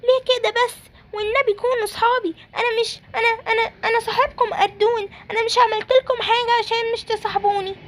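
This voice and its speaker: A woman's voice: extremely high pitch, fast, sharp tone. A woman with an Egyptian accent voicing a stubborn young male monkey who refuses to bathe, whiny and childlike. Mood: sad. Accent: Egyptian Arabic.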